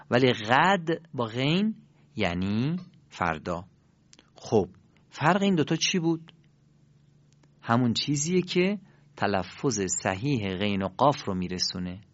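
A man teaching a pronunciation lesson, explaining in a lively, emphatic way with sudden rises in his voice. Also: medium pitch, no echo, highs cut off. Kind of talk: Quran recitation lesson.

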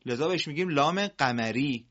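A man teaching Quran reading on a broadcast, explaining patiently, asking students questions and drawing words out slowly. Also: on the high side, lively intonation, a bit bright, lo-fi sound.

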